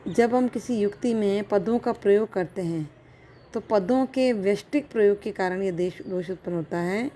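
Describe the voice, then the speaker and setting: A woman's voice: medium pitch, normal speed, warm tone, slight background noise. A woman philosophy lecturer giving a recorded college lecture, explaining step by step with examples and checking in with her students.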